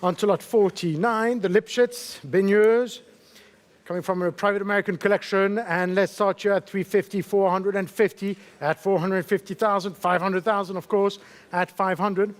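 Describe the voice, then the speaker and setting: A man's voice: high voice, steady tone, normal speed. A man working as a fine art auctioneer, calling bids in repeated figures and politely coaxing bidders with short questions. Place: auction saleroom in London.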